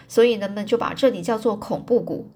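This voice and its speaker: A woman's voice: mid-range voice, a little fast, mellow, husky, lightly acted. A woman voicing an anxious young woman who pleads and worries aloud. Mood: worried.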